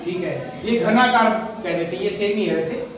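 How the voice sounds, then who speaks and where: A man's voice: sits high, normal speed. A man teaching young pupils in a classroom, asking questions and repeating the answers back to them. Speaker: primary school teacher. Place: school classroom. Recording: very echoey classroom, far from mic, noisy.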